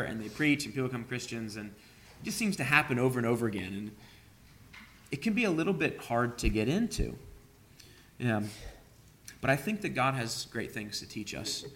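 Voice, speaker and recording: A man's voice: medium pitch, creaky, a bit bright, slight background noise. A man preaching a sermon, speaking with frequent hesitations and fillers. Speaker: pastor.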